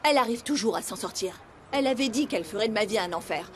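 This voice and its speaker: A woman's voice: medium pitch, expressive, fast, a little hiss or hum, close to an everyday voice. A woman dubbing a bitter, vengeful middle-aged daughter in a TV drama, speaking intensely and accusingly. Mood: stern. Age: 40s. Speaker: dub actress. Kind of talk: French dub of a TV drama.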